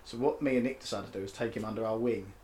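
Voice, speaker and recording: A man's voice: on the low side, rapid-fire, a little mellow. A man co-hosting a casual sports podcast, chatty and self-mocking with many fillers. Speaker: podcast co-host.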